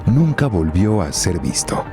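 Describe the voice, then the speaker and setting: Man, low pitch, scripted true crime documentary narration, music underneath. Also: sing-song, measured pace. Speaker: narrator of a news video report.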